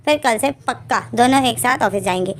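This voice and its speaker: A woman's voice: on the high side, fairly quick, slight background noise, lightly acted. A woman voicing a lazy young man who begs to sleep in, in a lightly acted story reading. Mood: sleepy pleading.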